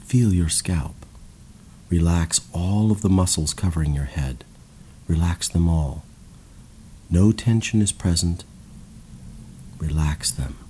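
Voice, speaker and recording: Deep calm man guiding relaxation. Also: a little hiss or hum. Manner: slow, calm, soothing instructions. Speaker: meditation guide. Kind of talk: guided relaxation narration.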